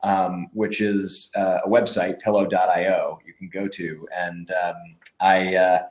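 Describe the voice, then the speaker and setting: Interviewed as a guest, this twenty-something voice actor and podcast producer talks in a low-pitched, flat, slightly slow voice, with dull audio and a roomy, echo-filled sound. He's casual and informal, rambling somewhat while describing his work.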